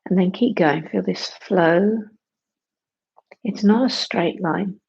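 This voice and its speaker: Slow, very creaky, breathy meditation guide. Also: mid-range voice, dull audio. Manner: hushed, unhurried instruction with long pauses.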